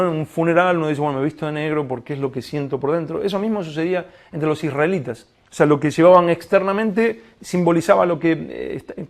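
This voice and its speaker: Man preaching, high gravelly voice, acts out prayers and back-and-forth dialogue. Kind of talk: sermon.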